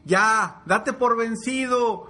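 Guy putting on a squeaky jeering animal crowd, loud and mocking, bright tone. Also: extremely slow, faint music behind, heavily acted. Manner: shouting taunts, high mocking voice.

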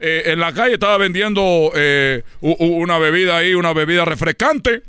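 A man's voice: a little high, fairly quick, bright, forceful tone, smooth, no room sound, clean studio sound. A man telling a comedy story in a rambling way, repeating himself and slipping into voices.

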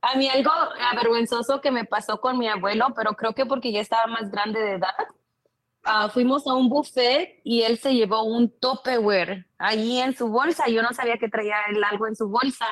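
A woman's voice: a little high, steady tone, normal speed, a bit bright, dry recording. A woman telling a funny story in casual chat on a radio show, laughing as she goes.

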